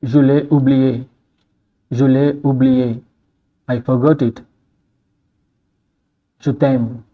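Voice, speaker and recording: A man reading a scripted phrase drill slowly, saying each phrase twice and then giving the English. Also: medium pitch, level tone, narrow, tinny audio. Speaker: language teacher.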